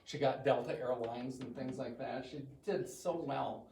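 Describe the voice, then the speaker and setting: A creaky, warm, mid-range male voice with fairly even intonation moves at a measured pace over a slight hiss or hum. He's an older Midwestern guest speaker with a big voice, giving a chatty, self-deprecating talk to a church congregation, recorded from far off in an echoey church hall.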